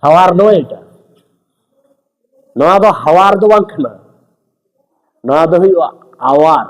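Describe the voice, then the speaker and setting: Speaking a little slowly, this male grammar teacher has a high voice with lively intonation. He talks straight to his students, uses some English terms, and keeps checking their understanding, his words echoing with long reverb.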